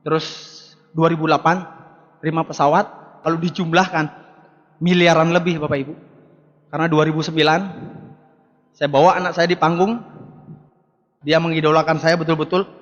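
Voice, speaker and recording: A man's voice: fairly high pitch, flat delivery, a little fast, long pauses. A man in his forties giving an emphatic seminar speech to a live audience, repeating rallying words and addressing the crowd directly. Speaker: motivational business speaker. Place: large hall with live audience. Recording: echoey hall, dull lo-fi sound.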